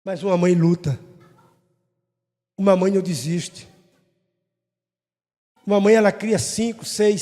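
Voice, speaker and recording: A middle-aged man preaches from the pulpit with an unusually high voice. He tells stories with animation and acts out little family scenes. His voice carries through a church hall with a long echo. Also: a little mellow. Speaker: pastor. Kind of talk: sermon.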